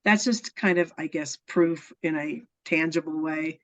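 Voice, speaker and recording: A woman's voice: deep voice, measured pace. Earnest woman guest on a dull recording. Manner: earnest, enthusiastic, laughs often. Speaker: interview guest. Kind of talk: casual storytelling interview. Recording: dull lo-fi sound.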